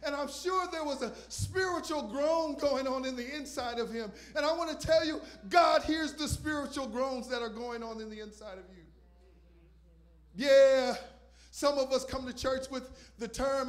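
High-voiced preacher, shouting and hushing. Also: male voice, moderate pace. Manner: preaching with rising shouts and hushed asides. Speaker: visiting pastor. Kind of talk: sermon. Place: church stage with purple lights. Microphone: handheld microphone.

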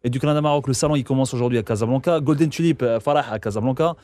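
A man's voice: medium pitch, a little mellow. A man with a Moroccan accent hosting a morning radio show, joking and slipping into Arabic. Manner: fast, joking, switching into Arabic. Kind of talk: playful morning radio talk.

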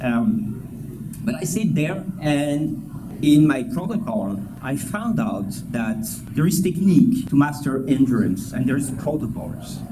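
A very animated middle-aged Frenchman speaks at medium pitch and a measured pace, telling personal stories in a casual, humorous conference talk in his French accent. He's an entrepreneur and endurance athlete. Loud, clear music sits under his voice, leaving the background noisy.

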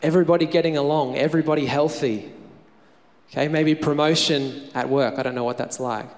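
Australian male pastor, higher-pitched voice, punchy repeated lines, reverberant church hall. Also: brisk. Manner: energetic, emphatic, repeats phrases for effect. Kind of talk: sermon.

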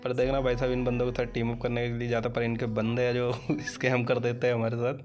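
A man's voice: medium pitch, completely flat delivery, fast talker, darkish tone, lo-fi sound. A man hosting a gaming video, chatting casually to his viewers as he introduces it. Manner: chatty, addresses viewers as brothers. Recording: music playing underneath.

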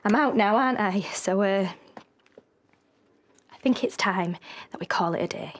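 A woman's voice: mid-range voice, close to an everyday voice. An actress playing an awkward, emotional woman just out of prison, talking hesitantly and often dropping to a whisper. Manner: hesitant, halting, trails into whispers. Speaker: actress in a TV soap. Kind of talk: naturalistic TV drama acting.

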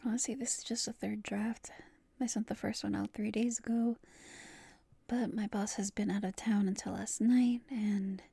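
A woman's voice: mid-range voice, fairly even intonation, moderate pace, gravelly, dark tone, slightly rough, no echo. A woman voicing a tired, playful, affectionate girlfriend in a whispered role-play, talking intimately and a little hesitantly on a late-night call to her lover. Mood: tired, sheepish.

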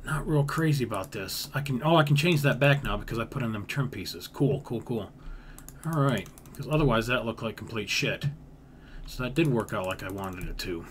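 Speaking at normal speed with a medium pitch, the male gaming video creator offers laid-back commentary during a building session. His thinking-aloud style includes repetition and folksy phrasing, and typing and other background noise come through.

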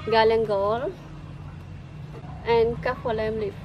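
A woman whose first language is Khmer, host of a cooking show, slowly narrating each cooking step outdoors in simple phrases with pauses and fillers. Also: on the high side, fairly even intonation, dull audio. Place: outdoors in a rural yard. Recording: loud outdoor noise.

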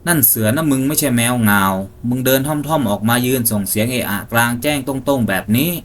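A man's voice: mid-range voice, brisk, slight background noise, voice pushed up, lightly acted. A man voicing a nervous young hunter in a ghost story, speaking in a tense, wary and pleading way.

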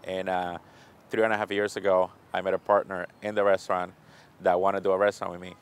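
The speaker, a chef and restaurant owner from the Dominican Republic in his thirties, has a low, clean-toned voice. He casually introduces himself in a restaurant kitchen and gym, chatting frankly about his life with easy fillers.

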